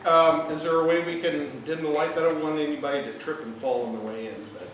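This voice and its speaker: Slightly high and steady in tone, this older Ozarks man from southern Missouri delivers an informal public lecture as a visiting college professor, folksy and pausing often in a halting manner. The sound is very echoey and faintly noisy, captured from far away in a large indoor lecture room.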